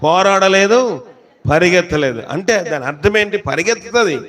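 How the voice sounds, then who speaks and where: High-voiced man preaching a sermon. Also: lively intonation, fairly bright tone. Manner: preaching with rhetorical questions and slow emphatic scripture quotes. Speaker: pastor.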